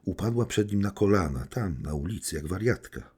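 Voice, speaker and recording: A man reading a classic novel aloud as an audiobook narrator, measured and steady. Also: low-pitched, husky. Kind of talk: scripted literary narration.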